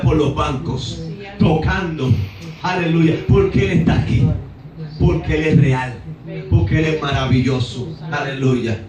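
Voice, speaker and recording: A high-pitched man preaches slowly and fervently, breaking in again and again with hallelujahs and acting out the cries of the people in the story. His voice rings through an echoey church hall, picked up from some distance, with a faint hum of the room behind him. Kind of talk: sermon.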